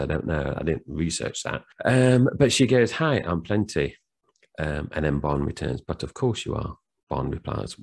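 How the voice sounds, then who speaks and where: A man's voice: a bass voice, creaky, slightly rough. A man co-hosting a film podcast, chatting casually and retelling scenes with lots of fillers. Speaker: podcast co-host. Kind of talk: casual film review chat.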